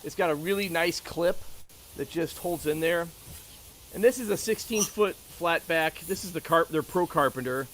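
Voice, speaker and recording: A man's voice: on the high side, moderate pace, a bit bright, a little hiss or hum. A man chatting casually and talkatively, with joking asides, as he shows off things. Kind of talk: casual chat about tools.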